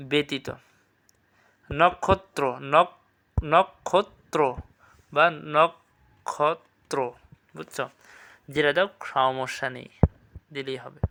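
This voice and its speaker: A man teaching an exam revision class, repeating each word slowly and checking with quick questions. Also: fairly high pitch, noisy background.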